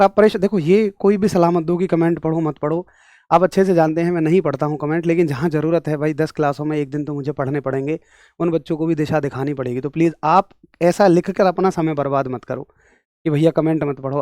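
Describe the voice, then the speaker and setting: A man's voice: on the high side, darkish tone, no room sound, clean studio sound. A young man teaching an online exam-prep physics class, talking straight to his students, repeating points and pressing them for answers. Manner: talks straight to students, scolding then explaining; emphatic, repeats points, asks for yes or no.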